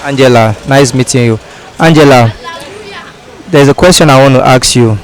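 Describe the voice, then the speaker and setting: A man's voice: mid-range voice, moderate pace, low-quality recording. Nigerian man interviewing in West African Pidgin. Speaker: street interviewer.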